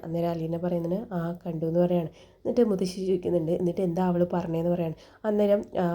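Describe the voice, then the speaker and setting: A woman recapping a TV serial episode in a relaxed, casual way, quoting the characters line by line. Her voice is very dark and mellow and fairly low. She keeps an even, flat delivery throughout. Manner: retells dialogue with "she says" tags and fillers.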